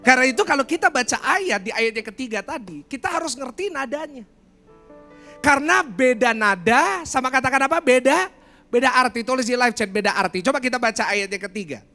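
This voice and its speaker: A middle-aged man preaching a livestreamed sermon, animated, acting out different tones of voice. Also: extremely high pitch, brisk, faint music behind. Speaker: pastor.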